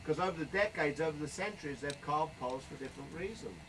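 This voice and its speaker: A man's voice: on the high side, quick pace. A man giving a joking, playful running commentary as a tour guide on a moving bus. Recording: distant voice with road noise.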